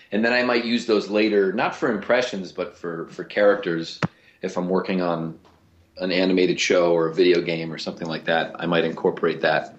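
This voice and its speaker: A man from Cleveland, a voice actor, talking animatedly as an interview guest, often restarting his sentences. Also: sits low. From Cleveland, USA. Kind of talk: casual interview talk. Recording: roomy lo-fi recording.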